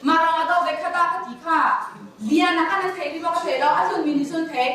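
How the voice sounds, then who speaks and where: A high-voiced woman gives a counseling lecture at a conference and puts questions to her listeners. She sounds far from the microphone, and her voice rings through a large, echoing hall with a faint hiss underneath. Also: fairly even intonation, fast, a bit bright. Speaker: conference speaker.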